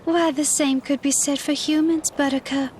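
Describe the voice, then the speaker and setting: An actress playing a playful, mysterious all-seeing fortune teller in a video game, with a theatrical, coy, mystical manner. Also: female voice, high voice, fairly even intonation, normal speed, a little mellow, slight background noise, lightly acted. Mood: curious, teasing. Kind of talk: video game character acting.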